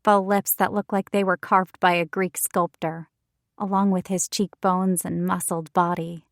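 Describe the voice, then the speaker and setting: Female audiobook narrator, slightly low voice, expressive and wry first-person romance reading, close and dry studio sound. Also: a little slow, no echo.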